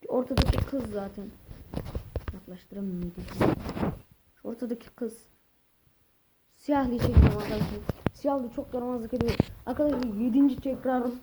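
A woman's voice: a little high, normal speed, long pauses, very noisy. A woman vlogging casually while handling ducks, rambling, calling her viewers friends and correcting herself. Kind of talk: casual vlog talk to viewers.

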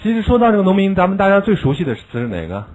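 A man teaching English vocabulary in a classroom lesson, explaining in Chinese and drilling words slowly, with a chuckle at his own asides. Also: sits high, sing-song, darkish tone, rough recording.

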